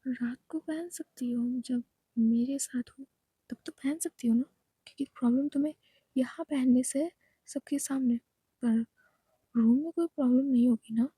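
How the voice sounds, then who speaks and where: A woman's voice: high voice, steady tone, moderate pace, long pauses, mellow, husky, no echo. Woman voicing a bold, teasing young heiress.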